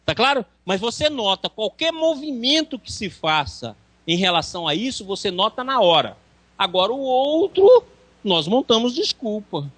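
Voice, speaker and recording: A man's voice: high-pitched, big pitch swings, normal speed, sharp tone, no room sound. A man with a Brazilian accent giving a spiritual course lecture, emphatic and full of rhetorical questions. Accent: Brazilian Portuguese. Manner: emphatic, rhetorical questions, acts out quoted speech.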